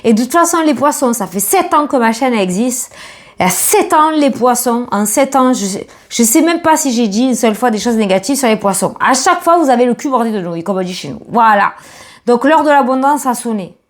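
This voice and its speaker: Excitable woman reading tarot. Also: on the high side, brisk. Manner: excitable, swears when delighted, many fillers. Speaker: tarot card reader. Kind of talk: casual tarot reading monologue.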